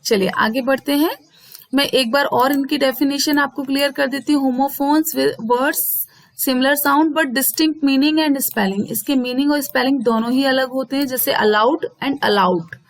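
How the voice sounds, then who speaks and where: High-voiced woman teacher. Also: steady tone. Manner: mixes Hindi and English, reads English definitions slowly. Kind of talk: explaining a school English lesson.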